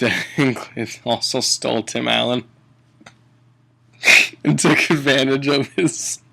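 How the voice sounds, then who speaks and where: A man giving a casual comedic movie review in a tipsy, halting ramble, swearing and often chuckling mid-sentence. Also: medium pitch, gravelly, a bit bright. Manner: tipsy, drunken rambling delivery. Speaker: film reviewer.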